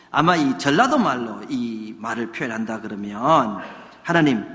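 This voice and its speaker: Man, pastor, sermon, gyeongsang accent, lively swinging pitch, long hall reverb. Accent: Gyeongsang Korean. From Gyeongsang region, Korea. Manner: animated preacher, mimics regional dialects for humor. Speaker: senior pastor.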